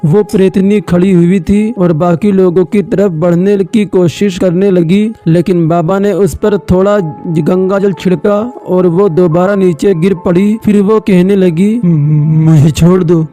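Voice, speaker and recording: Guy telling a spooky story real slow, highish voice, faint music under it. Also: dark tone. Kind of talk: scripted horror narration.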